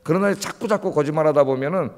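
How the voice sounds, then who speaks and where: Male pastor, high and animated, emphatic sermon delivery, reverberant sanctuary sound. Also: fast. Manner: emphatic, rhetorical questions to the congregation. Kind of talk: early-morning sermon. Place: church sanctuary. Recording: long church reverb.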